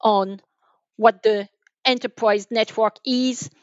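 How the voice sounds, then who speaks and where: A podcast guest who works as an enterprise sales manager answers business questions in a relaxed way, pausing and retracing her words as she thinks. Her fairly high voice keeps a steady tone. There is no room sound, and the audio is dry and slightly dull, much like a band-limited web call.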